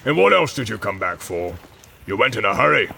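A man's voice: lowish voice, sing-song, fairly quick, creaky, bright, forceful tone, a little hiss or hum, voice pushed down, full character voice. A man voicing a brutal, bossy male orc captain who barks and mocks. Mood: mocking. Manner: barking, mocking, commanding.

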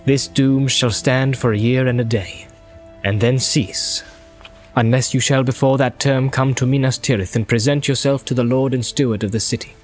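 A man voicing a noble, stern captain in an audiobook, measured, formal and solemn. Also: medium pitch, fairly even intonation, soft background music, voice pushed up, lightly acted. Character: grave noble male captain, stern and just. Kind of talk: audiobook character voice.

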